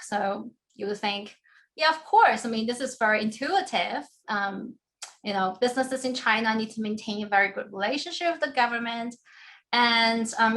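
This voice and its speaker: Woman lecturing with measured explanations. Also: on the high side, a bit bright. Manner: measured, explanatory, frequent "um" and "right?" tags. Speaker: law professor giving a book talk. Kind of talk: academic lecture with slides.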